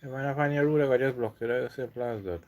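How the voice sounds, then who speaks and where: A man with a Trinidadian accent, from Trinidad and Tobago, hosting a casual livestream chat in a relaxed way and reading out viewers' comments. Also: medium pitch, quick pace. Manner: relaxed, reads comments aloud. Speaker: livestream host.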